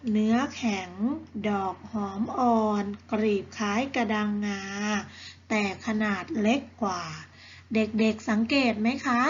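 Slow, careful Thai woman teacher. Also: mid-range voice, fairly even intonation, muffled recording, slight background noise. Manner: slow, careful reading of each word twice. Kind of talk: slow vocabulary lesson for children.

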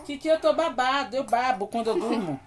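A woman's voice: fairly high pitch, animated, a little fast, a little hiss or hum, voice pushed up, lightly acted. A woman with a Bahian accent voicing her newborn baby nephew in cooing baby talk, saying he is hungry and fussy. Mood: playful. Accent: Bahian Brazilian Portuguese.

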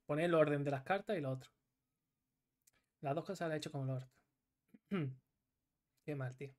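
A man's voice: fairly high pitch, moderate pace, a little mellow. Male streamer, frustrated self-scolding gameplay commentary, heavy swearing. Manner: swears often and scolds himself, in bursts of frustration.

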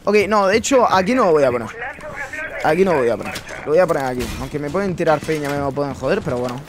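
Excitable young Spanish gamer, high voice. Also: male voice, fast talker. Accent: Spain Spanish. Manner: chatty, excitable, slangy, talks to viewers. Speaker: gaming YouTuber. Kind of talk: live gameplay commentary. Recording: noisy with game sound. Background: game sounds.

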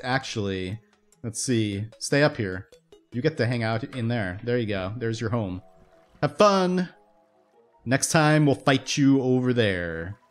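Hoarse young man rambling over game music. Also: medium pitch. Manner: rambling, self-interrupting, upbeat. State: losing his voice. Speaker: gaming YouTuber. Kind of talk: casual let's-play commentary. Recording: faint game music behind.

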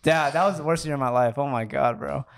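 A young man co-hosting a podcast in casual chat, animated as he hypes up stories. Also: medium pitch, fast talker, gravelly, a loud crowd. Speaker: podcast co-host.

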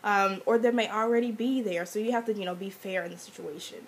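A woman's voice: medium pitch, quick pace. A young woman with a sick, stuffy-nosed voice gives casual advice to camera in a vlog. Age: young adult. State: sick with a cold, congested stuffy-nose voice. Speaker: vlogger. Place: small indoor room. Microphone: webcam or laptop mic at arm's length. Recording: webcam audio with faint background noise.

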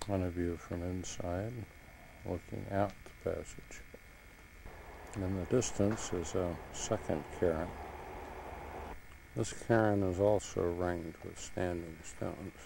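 A man with a low, gravelly voice gives unhurried, plain commentary as he films the sights outdoors. The sound comes off an old VHS camcorder tape, with a steady layer of hiss under his words. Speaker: home video narrator. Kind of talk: casual travel narration. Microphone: camcorder mic.

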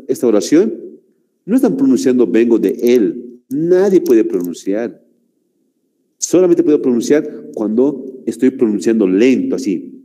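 Man, classroom teacher, slow, deliberate delivery, keeps checking in with the class, dark voice, reverberant room. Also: medium pitch. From Bolivia. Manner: slow, deliberate, repeats phrases, keeps asking "¿no?". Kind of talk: classroom grammar lesson.

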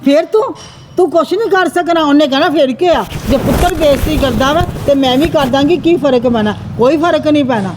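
A woman playing a sharp-tongued aunt in a family skit, lecturing and scolding with quick retorts. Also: sits high, lightly acted. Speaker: aunt Manju scolding the son. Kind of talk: amateur family skit acting. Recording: faint background noise.

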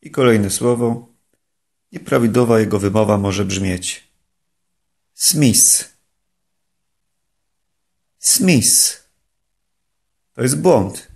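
Male language teacher, scripted, measured delivery, some fry and a raspy edge. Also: fairly low pitch, dark tone. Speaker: English pronunciation teacher. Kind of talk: scripted instructional narration.

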